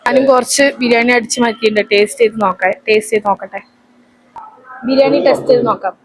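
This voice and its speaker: Casting: female casual vlogger, Kerala Malayalam accent, high-pitched, chatty, talking straight to viewers. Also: very fast, a little hiss or hum, poor audio. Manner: chatty, addresses viewers and companions directly. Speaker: vlog host.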